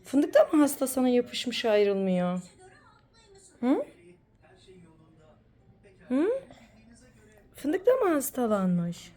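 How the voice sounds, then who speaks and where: A woman's voice: on the high side, big pitch swings, takes it slowly, long pauses, dark tone. A mother talking playfully with her sick young son, coaxing and sing-song. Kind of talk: casual play with a child.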